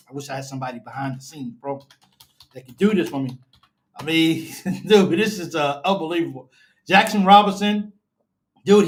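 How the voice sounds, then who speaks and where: A man hosts a live fan show, excited and emotional, repeating himself and calling listeners baby and bro. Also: fairly high pitch.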